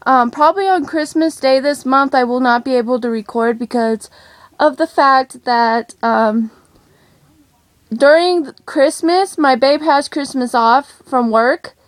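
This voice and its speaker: A woman's voice: sits high, measured pace, dry recording. Gushing, rambling young woman vlogger. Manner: excitable, gushing, rambling with many ums. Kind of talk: casual chatty vlog. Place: home.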